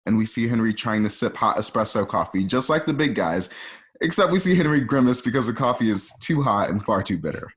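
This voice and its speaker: Reading scripted stage directions for a radio play, a man with a fairly low voice sets each scene in the present tense. He sounds animated and goes a little fast.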